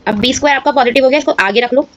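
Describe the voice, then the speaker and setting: A woman's voice: high-pitched, racing. A woman teaching a maths lesson and explaining each step aloud, often checking in with her students.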